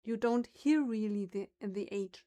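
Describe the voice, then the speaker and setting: On a livestream, a woman with a German accent, German being her native language, wonders aloud about the pronunciation of words in a relaxed chat. She speaks at a measured pace in a mellow, medium-pitched voice.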